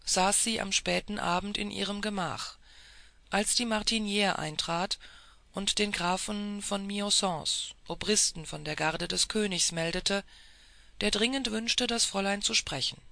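A reader giving steady, measured literary narration in a gravelly voice. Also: medium pitch, no room sound. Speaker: audiobook reader.

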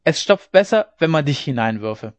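A male reader voicing a stern, fiery dike-reeve who shouts commands to workers in a storm. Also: medium pitch, moderate pace, no room sound, natural voice. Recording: slightly dull lo-fi recording.

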